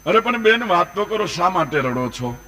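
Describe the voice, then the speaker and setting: A kindly old wandering holy man, voiced by a male storyteller, asking gentle, concerned questions. His voice is bright and fairly high, with a warm, carefree manner in a spoken folk tale. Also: big pitch swings, moderate pace, exaggerated voice.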